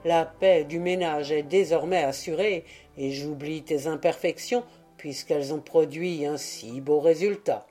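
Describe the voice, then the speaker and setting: A woman's voice: low voice, unhurried, dark tone, faint music behind. A woman reading a fussy, squeamish newlywed husband. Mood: overjoyed. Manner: anguished, groaning outbursts.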